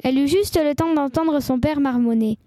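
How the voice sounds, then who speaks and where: A woman narrating a children's story in a lively, expressive reading. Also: sits high, moderate pace, noisy background. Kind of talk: scripted audiobook narration.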